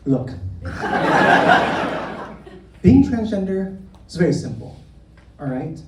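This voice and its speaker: A Vietnam-born comic draws out his words in a mid-range voice with big pitch swings. Onstage at a comedy club, he teases the audience and speaks straight to them. The roomy live recording, made from far away, carries audience noise.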